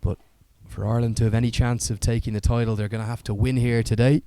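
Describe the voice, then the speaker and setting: Crisp-voiced male cricket commentator. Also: mid-range voice, flat delivery, fast, warm tone. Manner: fluent, articulate broadcast delivery. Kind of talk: live play-by-play sports commentary.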